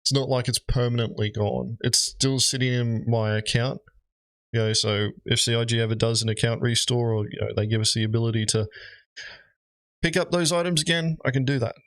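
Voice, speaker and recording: A man's voice: medium pitch, fairly even intonation, fairly quick, a bit bright, no echo. A man giving casual, rambling commentary as he reacts to gaming videos, with lots of fillers. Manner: rambling, frequent "you know" fillers.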